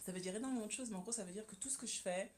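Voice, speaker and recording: On a radio interview in a studio, a Congolese communication consultant gives personal testimony, earnest and full of hesitations and repeated words. Her mid-range voice is a little mellow and she talks very fast, with slight background noise.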